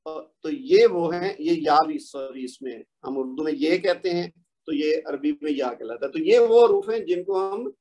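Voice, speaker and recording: A man's voice: fairly high pitch, lively intonation, darkish tone, rough recording. A man teaching a lesson, patiently spelling out letters one by one and repeating them. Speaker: Quranic Arabic teacher. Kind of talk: explanatory lesson.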